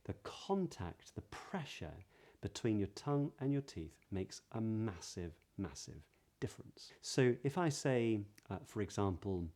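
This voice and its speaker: A British man with a low, dark and very relaxed voice teaches pronunciation to camera. He explains in a measured, instructive manner, leaning on key words as a voice coach would. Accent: British English. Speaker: voice coach, video host.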